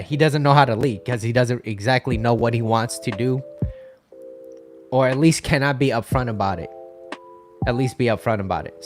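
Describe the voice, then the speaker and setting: A man talks casually as a dating coach, in a middle-pitched voice. He loops back on his phrases and checks in with the listener. Faint music plays quietly underneath. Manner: conversational, repeats phrases, frequent "okay" and "like". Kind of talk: casual advice monologue.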